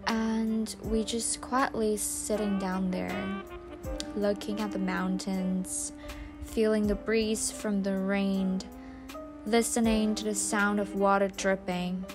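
This reflective voice-over comes from a young woman vlogger at medium pitch, her delivery flat, soft, and slow, with non-native phrasing. It's recorded on a studio voice-over mic with music underneath.

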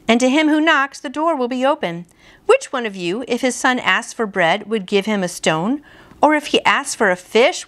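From a small furnished room inside her home, a devotional host in her fifties reads aloud. Her fairly high, slightly bright voice carries an earnest, conversational warmth.

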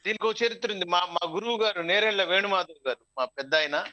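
A man with a high, bright voice who works as a mimicry artist, speaking as a guest on a radio show. He chats in a storytelling way, and his voice sounds dull, as if it is coming over a phone line. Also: quick pace. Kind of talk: casual interview chat.

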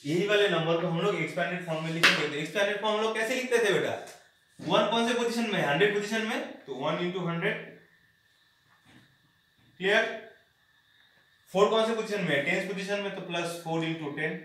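A man teaches a maths class step by step, often checking whether his students have understood. His voice sits high and is a bit bright, brisk but with frequent pauses. The classroom lesson is recorded in an echoey room far from the mic.

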